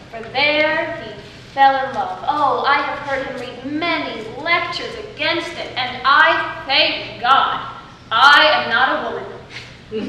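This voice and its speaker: A woman's voice: high-pitched, bright, forceful tone, full character voice. A woman on stage playing a witty, teasing young heroine disguised as a youth, declaiming playfully in Shakespearean style. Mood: playful, sly. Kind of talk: live Shakespeare stage acting. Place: stage performance, recorded from afar. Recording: distant, echoey stage recording with faint noise.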